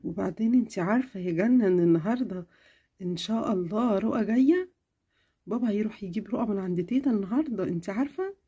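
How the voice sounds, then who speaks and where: A caring cartoon mother, as a woman puts her on, gentle and affectionate with an Egyptian accent. Her voice is pitched lower than the child's, mellow and dark in tone. She turns firm and quicker when she scolds. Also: lively intonation, breathy edge, muffled recording. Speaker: cartoon character.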